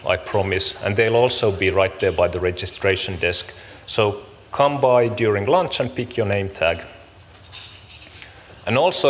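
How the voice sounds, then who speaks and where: A man opening a conference as its organiser, giving informal practical announcements in a casual, apologetic, somewhat hesitant way. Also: fairly low pitch. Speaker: event organiser and host opening a summit. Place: large conference room, speaking to an audience. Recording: echoey hall with clear background noise.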